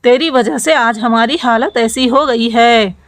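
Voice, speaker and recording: A woman's voice: a little high, unhurried, no echo, clean studio sound, close to an everyday voice. A woman voicing an angry young man who curses a friend. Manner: angry, insulting.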